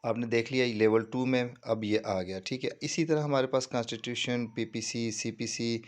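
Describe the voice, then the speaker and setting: His voice sits in the mid range, with fairly even intonation and a normal speed, as this Pakistani-accented man presents a casual tutorial walking through a screen step by step. Along the way he drops in English terms and often checks, with reassuring phrases, that viewers are keeping up.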